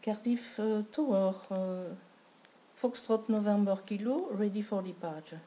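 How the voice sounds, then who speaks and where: Hesitant, slow woman making pilot radio calls. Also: mid-range voice, mellow. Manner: hesitant, halting delivery of set phrases. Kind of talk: air traffic control radio phraseology practice.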